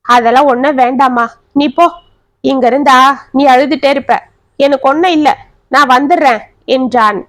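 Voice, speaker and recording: A woman voicing a weary husband who talks softly and slowly to reassure his wife. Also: sits high, dry recording, natural voice. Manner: soft, reassuring, speaks slowly. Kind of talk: storybook narration.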